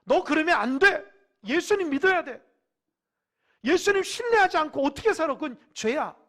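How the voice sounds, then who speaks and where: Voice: sits high, normal speed, voice pushed up. A preacher voicing God as a loving heavenly father who speaks to his children in a raised, impassioned voice. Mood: stern urging.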